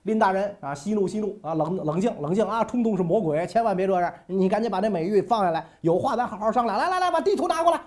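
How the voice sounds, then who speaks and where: A man's voice: sits high, expressive, quick pace, few pauses, darkish tone. A man voicing a greedy, flustered male king who hurriedly pleads and fawns. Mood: placating.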